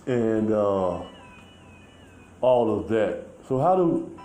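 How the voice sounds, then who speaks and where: A man talking in a rambling, halting way, full of fillers and restarts, in a casual monologue recorded outdoors. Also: lowish voice, sing-song, mellow, reverberant, a little hiss or hum, low-quality recording.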